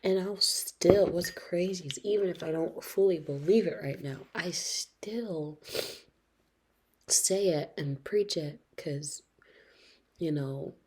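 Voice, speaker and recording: A woman in her late twenties talking slowly and reflectively in a personal video diary, hesitant, her husky voice often sinking to a whisper. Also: on the low side. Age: 20s. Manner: slow, reflective, hesitant, with soft laughs. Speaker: vlogger.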